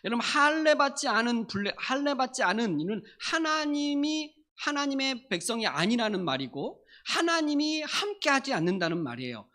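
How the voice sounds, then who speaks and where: Brief: bright, animated pastor preaching a Sunday sermon; emphatic, repeats lines for weight. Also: high-pitched, moderate pace, hardly any pauses. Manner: emphatic, repeats and restates phrases. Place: church service.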